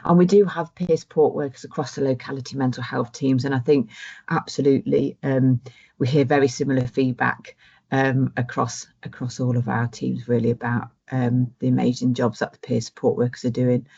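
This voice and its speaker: A woman's voice: rumbling low, flat delivery, moderate pace, vocal fry, dark tone, husky. A woman hosting an online webinar, reading out audience questions and thanking the speakers. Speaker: webinar host. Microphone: video call. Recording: dull lo-fi call audio.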